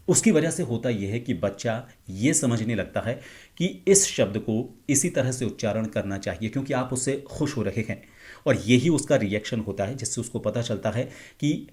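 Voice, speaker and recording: A middle-aged man teaching as a speech coach. He explains calmly and now and then acts out short example lines in a raised tone. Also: fairly low pitch. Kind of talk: explanatory talk to camera.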